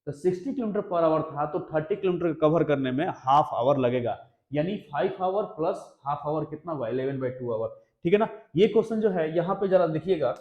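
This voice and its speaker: A man's voice: on the high side, expressive, moderate pace, dull audio. A male maths teacher giving an exam-prep lesson, explaining step by step and often checking if the class understands. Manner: explains step by step, keeps asking the class questions. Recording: echoey room.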